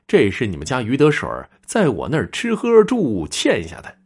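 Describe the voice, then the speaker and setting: A man's voice: mid-range voice, wildly swooping pitch, moderate pace, darkish tone, breathy edge, voice pushed up, heavily acted. A man voicing a brazen young mistress who taunts a widow over a debt, in a spoken story. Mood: taunting. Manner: taunting sing-song. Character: brazen sly young mistress demanding money.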